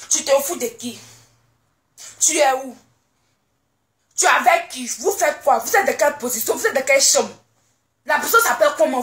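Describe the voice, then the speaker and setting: A woman's voice: sits high, fairly bright tone. A woman playing a scolding pregnant wife. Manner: scolding, rapid-fire questioning. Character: moody demanding pregnant young wife. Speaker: comedian. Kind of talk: comedy sketch monologue. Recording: echoey room.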